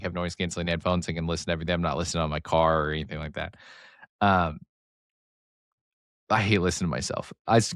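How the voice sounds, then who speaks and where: Male podcast host, lowish voice, mumbly and excitable, dry close mic, rambling solo sports chat. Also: clean tone, no echo. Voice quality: slight speech impediment, mumbly. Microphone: close desk mic, sometimes turning off-axis.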